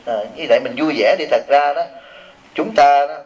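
A man's voice: on the high side, moderate pace, darkish tone, dull audio. A man, a Buddhist monk giving a humorous sermon, reading out questions and teasing his audience with rhetorical questions.

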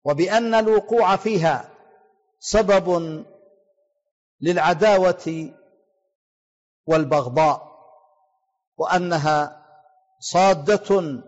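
A man delivering a formal religious lecture in formal standard Arabic, with measured, deliberate oratory and pauses between phrases. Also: a little high. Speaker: Islamic scholar giving a religious talk to listeners. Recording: dull lo-fi audio with long reverb.

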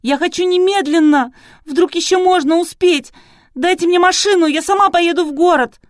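A woman voicing a hysterical young woman who shrieks in high frantic bursts in an audiobook. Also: normal speed, no echo, studio quality.

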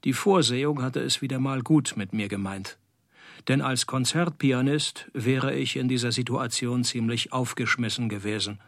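A man playing a wisecracking, world-weary private detective in a noir radio drama, with a dry, sardonic, deadpan delivery. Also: mid-range voice, moderate pace, dry recording.

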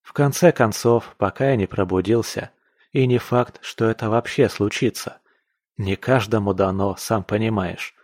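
A man reading an audiobook, voicing a cautious young man who speaks in a calm, measured, wry way. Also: on the low side, no room sound, clean studio sound, natural voice. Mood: sober. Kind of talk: audiobook character voice.

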